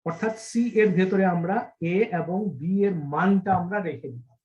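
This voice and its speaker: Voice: medium pitch, normal speed, darkish tone, dull audio. A programming teacher giving an online class lesson, explaining by stringing several synonyms together and often checking in with the class. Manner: asks the class frequent check questions.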